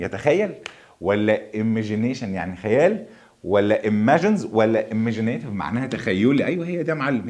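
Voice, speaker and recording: A man teaching English in Egyptian Arabic, energetically coaxing his students to stay focused as he explains English words in Arabic. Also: fairly low pitch. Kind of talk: exam review lesson.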